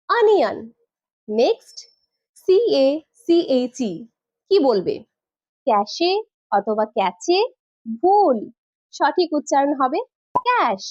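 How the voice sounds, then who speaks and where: Lively high-voiced woman teaching pronunciation. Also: dull audio. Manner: asks the viewer questions, then repeats the correct word slowly. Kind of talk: pronunciation lesson.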